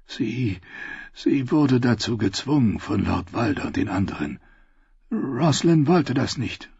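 A beaten young lord from an audiobook, speaking softly and haltingly with a husky tone, as a male reader puts him on. The recording is dry and slightly muffled. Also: mid-range voice, sing-song, no room sound, pitched above the performer's own voice, exaggerated voice. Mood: subdued. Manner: hesitant, subdued. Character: frightened, hesitant captured young lord.

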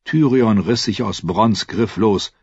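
A man reading a fantasy novel aloud in a measured storytelling manner. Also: on the low side, a little mellow, slightly rough, no room sound. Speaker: audiobook narrator. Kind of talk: scripted narration. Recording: dull, dry audiobook recording.

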